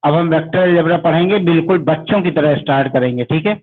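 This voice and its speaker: A man's voice: a little high, fast. A male physics teacher, giving an online class lecture. He calls his students "beta", asks them questions and then answers them himself. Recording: tinny phone-like audio.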